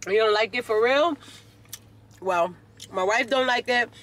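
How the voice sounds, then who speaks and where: Here the car vlogger has a very high voice with a fairly bright tone, and he takes his time. Still chatting animatedly and casually to camera for his viewers, he's recorded inside the car with its noise in the background.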